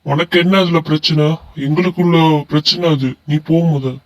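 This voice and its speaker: A hot-headed young cartoon man, as a man voices him, possessive and quick to threaten. He speaks bluntly in a slightly high voice. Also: steady tone, close to an everyday voice, low-quality recording. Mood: aggressive. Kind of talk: animated story voice acting.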